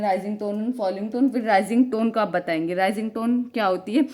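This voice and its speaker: A woman teacher giving an exam-prep lecture, reading English notes slowly and then explaining them in Hindi with many rhetorical questions. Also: mid-range voice. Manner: frequent rhetorical questions and fillers.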